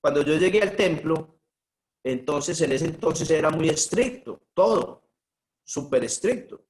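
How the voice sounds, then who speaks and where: A man's voice: fairly high pitch, expressive, a little slow, darkish tone, rough recording. A middle-aged man, a spiritual teacher telling personal stories in a conversational way, often checking in with a questioning "sí". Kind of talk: personal storytelling talk.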